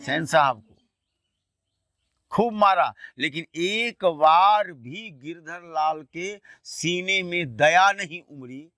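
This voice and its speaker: A man teaching a class, retelling a textbook story in a colloquial way and repeatedly asking quick questions that he answers himself. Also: a little high, pushed and bright, no room sound, clean studio sound. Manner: poses quiz questions and answers them himself.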